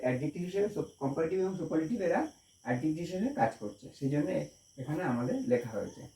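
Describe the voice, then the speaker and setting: A man's voice: fairly high pitch, darkish tone, far from the mic. Man spelling out words in an echoey room. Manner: spells words letter by letter, repeats each word. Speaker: English grammar teacher. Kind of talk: slow spelled-out grammar lesson.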